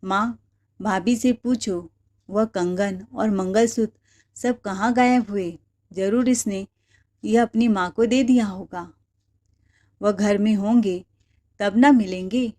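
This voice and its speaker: A woman's voice: medium pitch, steady tone, takes it slowly, long pauses, a little mellow, natural voice. A woman voicing a spiteful young sister-in-law who goads her brother, in a sneering, goading manner. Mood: sly.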